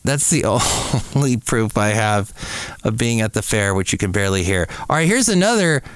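A middle-aged man hosting a podcast, casually reminiscing about his old radio days in an unhurried storytelling way. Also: fairly low pitch, expressive, slight background noise. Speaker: podcast host. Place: café.

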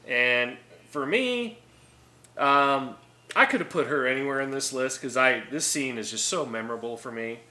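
A man's voice: medium pitch, lively intonation, normal speed, bright, forceful tone. A man co-hosting a podcast in casual chat, rambling with many restarts and fillers and laughing often. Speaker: podcast co-host.

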